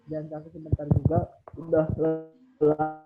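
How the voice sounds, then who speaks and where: Man acting as higher-voiced, hesitant patient, muffled audio. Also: completely flat delivery, normal speed, over loud music, close to an everyday voice. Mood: polite, hesitant. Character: polite middle-aged male patient reporting his symptoms. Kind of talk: role-played patient call. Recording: dull lo-fi call audio.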